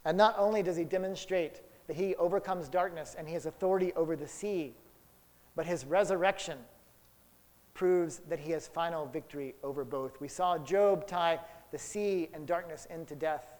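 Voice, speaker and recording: High-voiced man preaching in a reverberant hall. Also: normal speed. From Houston area. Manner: storytelling, dramatic swings in loudness. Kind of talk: sermon.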